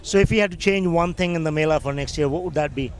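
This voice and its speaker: A man's voice: fairly high pitch, quick pace, a little hiss or hum. A middle-aged man interviewing casually as a reporter at an outdoor event on a handheld mic. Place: outdoor festival plaza. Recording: outdoor event with music behind.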